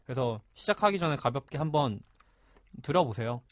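A man's voice: medium pitch, brisk, no room sound. A man hosting a casual podcast, introducing segments and guests. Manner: lively, steering the talk with introductions. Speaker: podcast host.

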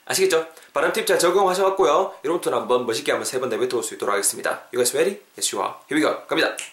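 A man, hosting a podcast English lesson and repeating phrases slowly for listeners to drill. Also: on the high side, a bit bright, roomy sound. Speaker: English teacher, podcast host.

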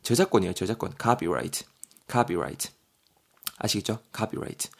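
A man with a Gyeongsang Korean accent teaching English vocabulary on a podcast. He spells words letter by letter, repeats them, and reads example sentences slowly. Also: on the low side, expressive, vocal fry.

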